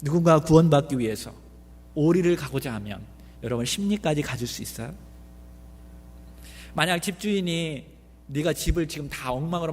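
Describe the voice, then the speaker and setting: His mid-range voice has a darkish tone as this male pastor preaches in a church sanctuary. He often questions the congregation, and the recording has slight background noise plus the long reverb of a church hall.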